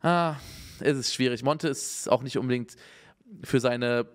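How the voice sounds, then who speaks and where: A man's voice: medium pitch, fairly even intonation, normal speed. A young man streaming live, reacting to news in a casual, hesitant way with many restarts and a concerned tone.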